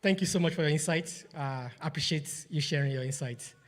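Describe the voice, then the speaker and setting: A man politely thanking the group and asking them a thoughtful question in a measured way. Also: fairly high pitch. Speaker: question asker.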